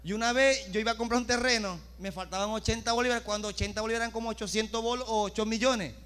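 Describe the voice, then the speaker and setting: A man's voice: sits high, steady tone, fast, a bit bright. A middle-aged man from Venezuela preaching a church sermon, asking his congregation questions and acting out little dialogues as he goes. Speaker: pastor.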